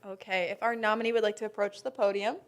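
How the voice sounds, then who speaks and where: Brief: young woman, student senate speaker, friendly and chatty, mid pitch. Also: level tone, fast talker. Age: young adult. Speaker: senate speaker presenting nominees. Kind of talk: formal meeting remarks.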